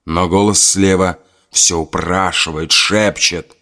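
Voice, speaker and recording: A man narrating a horror folk tale in a grim, measured storytelling manner. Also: deep voice, fairly even intonation, bright, forceful tone.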